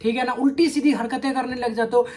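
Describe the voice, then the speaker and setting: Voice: mid-range voice, steady tone, fast talker, a little mellow. A relationship advice vlogger talking straight to viewers in a blunt, casual way, with crude slang and a habit of asking "ठीक है?" after each point.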